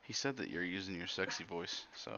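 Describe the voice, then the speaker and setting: A man's voice: low voice, brisk, vocal fry, sharp tone, lo-fi sound, a little hiss or hum. A man hosting a casual livestream, laid-back and dry as he announces picks. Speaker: host.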